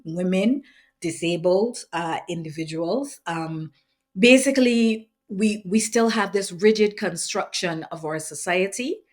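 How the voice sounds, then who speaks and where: A woman speaks in a somewhat low voice. She is an activist giving an earnest, measured interview. She pauses often on ums and restarts her sentences. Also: a bit bright. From Barbados. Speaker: activist in residence. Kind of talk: reflective interview monologue.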